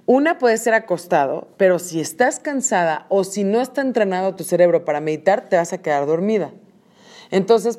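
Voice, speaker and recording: A woman's voice: mid-range voice, mellow. A woman, teaching a group in a conversational way and acting out short quoted lines. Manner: conversational, acts out quick quoted voices. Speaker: workshop facilitator. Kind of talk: teaching a group about emotions.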